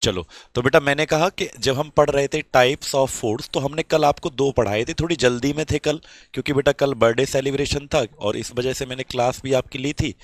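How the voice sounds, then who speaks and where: A man's voice: medium pitch, moderate pace, no echo. A male science teacher running a live online class, chatting with students and reading their comments aloud.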